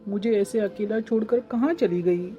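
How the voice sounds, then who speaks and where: A woman's voice: mid-range voice, lo-fi sound, faint music behind, natural voice. A woman voicing a grieving lonely father. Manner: sorrowful, slow and pleading. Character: grieving middle-aged father, lonely and worn out. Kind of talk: cartoon voice acting.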